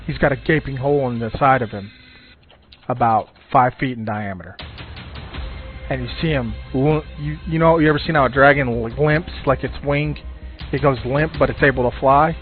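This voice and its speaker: Rich: A man runs a tabletop game as game master, narrating in a mid-pitched voice and often restarting his sentences as he goes. The audio is narrow and phone-like, with faint background music. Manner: descriptive storytelling with frequent restarts and ums.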